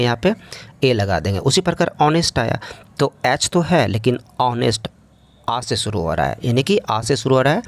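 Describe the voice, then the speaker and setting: A man's voice: medium pitch, creaky, dry recording. A man teaching an English grammar lesson in speech, explaining step by step and often asking the class rhetorical questions.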